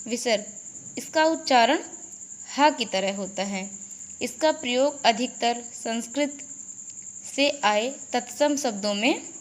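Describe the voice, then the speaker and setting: A woman teacher giving a grammar lesson to a class, slowly repeating and explaining each point. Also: on the high side. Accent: Indian. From India. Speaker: school teacher.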